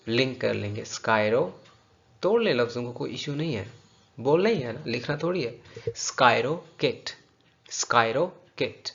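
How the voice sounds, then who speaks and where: A man teaching English pronunciation, repeating words slowly and deliberately to drill them. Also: mid-range voice. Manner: drills words by slow, drawn-out repetition. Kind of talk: bilingual pronunciation lesson. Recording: dull lo-fi recording.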